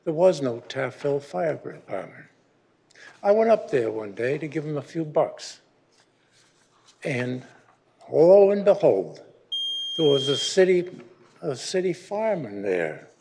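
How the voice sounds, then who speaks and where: Older man in his eighties, slow-paced, slightly high-pitched, rambling and grumbling public comment. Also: sing-song, vocal fry, warm tone, slight background noise. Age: 80s. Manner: rambling and grumbling, with frequent restarts. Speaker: public commenter at a city council meeting.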